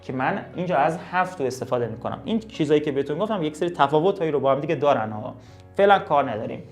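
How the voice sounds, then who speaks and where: A man's voice: a little high, lively intonation, over music. A man teaching English vocabulary and grammar, explaining emphatically and talking directly to his students. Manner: drills words, slows down to read sentences.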